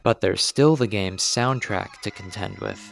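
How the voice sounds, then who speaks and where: Low-voiced man narrating with mock gravity. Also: measured pace, creaky. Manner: mock-grave, deadpan dramatic hyperbole. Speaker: video game reviewer. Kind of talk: scripted video essay narration. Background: music.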